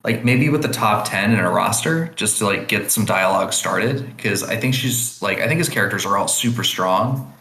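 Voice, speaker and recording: A man's voice: on the low side, normal speed, few pauses, pushed and bright, echoey room. A man hosting a podcast, chatting casually and rambling with many restarts. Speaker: podcast host. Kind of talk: casual chat.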